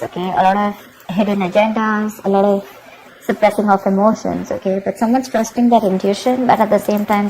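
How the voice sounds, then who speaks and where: A woman reads tarot for her viewers, emphatic and repetitive, frequently checking in with "okay?". Her voice is medium-pitched and a little mellow, in a rough recording with a bit of hiss or hum.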